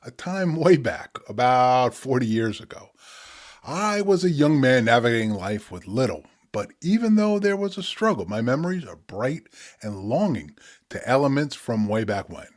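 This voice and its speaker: A man's voice: mid-range voice, very animated, moderate pace. A man in his sixties talking reflectively to an audience, conversational and explanatory, as a poet presenting his work.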